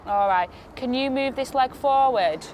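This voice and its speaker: A woman paramedic, calmly reassuring a patient and checking in often. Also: sits high, a little slow, slight background noise. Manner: soothing, steady, checks in with "yeah?" often. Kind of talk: on-the-job talk, calm reassurance to patients.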